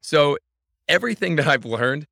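A man's voice: a little high, expressive, normal speed, vocal fry, pushed and bright, no echo, clean studio sound. A man being interviewed as a baseball team owner, telling his story with enthusiasm and emphasis. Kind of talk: energetic interview talk.

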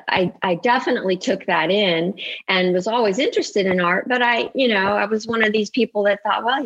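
A woman's voice: medium pitch, a bit bright, breathy edge, muffled recording. A woman who grew up in Italy to American parents, a guest artist talking thoughtfully in an interview and often restarting her sentences. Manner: thoughtful, halting, many restarts. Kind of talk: interview conversation.

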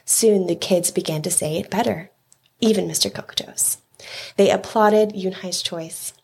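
A woman reads a children's picture book aloud at story time, steady and measured. Her voice is husky and a little breathy, at a middle pitch.

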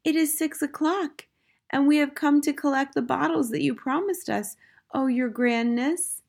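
A woman's voice: sits high, moderate pace, vocal fry, darkish tone, pitched above the performer's own voice. A woman voicing a timid, fawning ancient witch in a storybook. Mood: meek deference. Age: older. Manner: timid, deferential.

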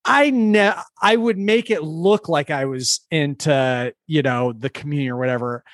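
A man's voice: fairly high pitch, unhurried, no room sound, clean studio sound. A man co-hosting a podcast in casual chat, rambling and restarting his sentences with laughs. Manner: rambling, self-interrupting, laughing. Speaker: podcast co-host.

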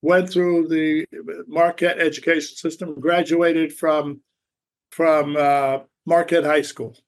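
Raspy-voiced man hosting an interview. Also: fairly high pitch, little pitch movement. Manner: halting, repeats words. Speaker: podcast host. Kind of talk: conversational interview.

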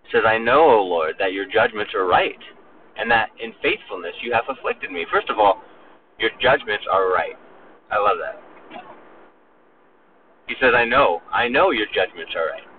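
A pastor giving an earnest, emphatic sermon on a psalm, slowing down to stress key words. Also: male voice, on the low side, animated. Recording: distant phone-like recording with faint noise.

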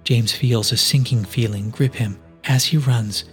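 A male narrator reads an adventure story in steady, dramatic scripted narration. His voice sits at a middle pitch, and a faint musical score plays quietly beneath him. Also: unhurried, faint music behind.

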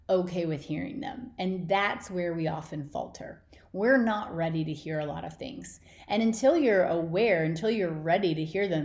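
A woman's voice: on the low side, darkish tone. A woman hosting a podcast in a casual motivational monologue, informal, emphatic and blunt, recorded in an echoey room. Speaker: podcast host. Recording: roomy, echoing indoor sound.

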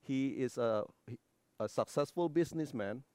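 A man in his forties from Indonesia, telling his story as a guest, pausing and hesitating often. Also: mid-range voice, darkish tone, smooth, dry recording. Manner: hesitant, with fillers. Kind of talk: interview testimony.

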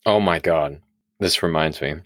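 A man's voice: very deep voice, moderate pace, a bit bright, dry recording, clean studio sound. A man co-hosting a podcast in casual chat, blunt and profane as he tells stories. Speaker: podcast co-host.

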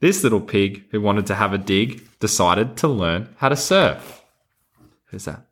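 This Australian podcast host, an adult man, has a lowish, animated, slightly bright voice and a somewhat slow pace. Reading a children's storybook aloud, he keeps things casual, playful, and encouraging.

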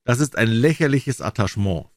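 A man's voice: medium pitch, lively intonation, brisk, no room sound, studio quality, natural voice. A man voicing a flock of snooty, gossiping swallows in a storybook reading, in a sneering tone.

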